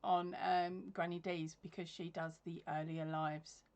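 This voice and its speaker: A woman from England chats casually on a crochet livestream, reading comments, laughing often and filling gaps with ums. Her voice is lowish and darkish, with little pitch movement and a measured pace. She's at home in her craft room with yarn shelves, picked up by a desk webcam.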